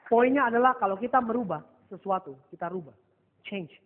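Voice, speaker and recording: A man giving a motivational seminar to a live audience, telling stories with animated acted-out dialogue and dropping English phrases. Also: sits high, moderate pace. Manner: lively storytelling, mixing English phrases, acting out dialogue. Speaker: motivational NLP trainer. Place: seminar hall. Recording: echoey hall over a thin, phone-like line.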